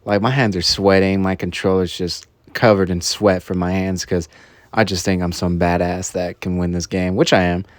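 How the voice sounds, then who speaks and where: A man's voice: sits low, little pitch movement, normal speed, dry recording. Frustrated young man rambling, dry sound. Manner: rambling, frustrated, lots of filler "like". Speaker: vlogger. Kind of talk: casual rant while gaming.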